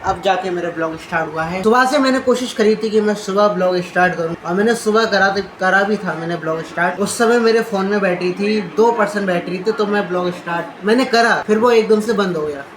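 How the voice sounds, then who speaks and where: A man's voice: high-pitched, brisk, hardly any pauses, a bit bright. A man vlogging casually into a handheld phone at home and up on a rooftop. He rambles, repeats words and restarts his sentences as he chats. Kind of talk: casual vlog chat. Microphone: handheld phone camera. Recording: noisy outdoor ambience.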